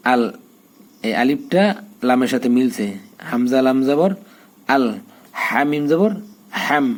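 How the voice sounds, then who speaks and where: A man teaching the spelling of the Quran, drilling letters and vowel marks and then chanting each verse slowly. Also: mid-range voice, a little mellow. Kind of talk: spelling lesson in Quran recitation.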